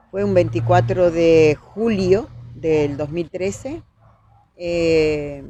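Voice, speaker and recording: Uruguayan woman telling a story, raspy fry in her voice, kinda dark tone, acts out the quotes. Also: deep voice, a little hiss or hum. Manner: vivid retelling, acting out quoted dialogue. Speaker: guest. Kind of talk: storytelling in conversation.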